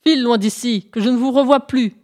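A woman's voice: on the high side, expressive, moderate pace, a little mellow, lightly acted. A woman voicing a greedy, scheming female hyena who speaks in a false, bossy way in a storybook tale. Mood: angry. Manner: falsely friendly, then commanding.

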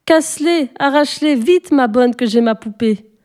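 Woman playing a pleading little girl in a storybook, high and mellow. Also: normal speed, lightly acted. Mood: eager. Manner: excited, pleading. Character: little girl, eager and headstrong.

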